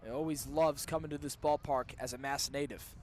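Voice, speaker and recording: Calling a baseball game for live radio from an outdoor ballpark's broadcast position, a young student announcer delivers crisp, descriptive play-by-play that builds to excitement when big plays happen. His voice is high and brisk, and the background is noisy.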